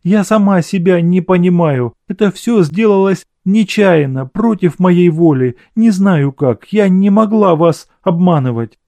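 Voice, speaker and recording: Guy doing a flustered young girl, soft and pleading, high, storybook reading. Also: lively intonation, unhurried, few pauses, no room sound. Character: young woman, flustered and guilt-ridden.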